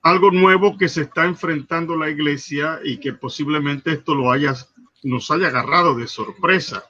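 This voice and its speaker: A man, a pastor on a religious talk show, speaking in a measured, slightly hesitant way. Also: on the high side, sharp tone. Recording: dull lo-fi audio.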